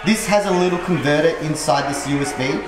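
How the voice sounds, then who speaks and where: A man giving a casual, excited vlog rundown from home. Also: fairly high pitch, fairly quick. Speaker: vlogger. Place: home, indoors. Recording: echoey room with music behind.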